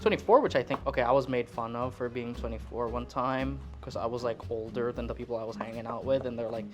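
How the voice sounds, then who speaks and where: With a bass voice and a steady tone, this woman speaks fast against faint background music. She is a twenty-something cooking vlogger from the Philippines, casually rambling and putting herself down in good humor as she cooks at home.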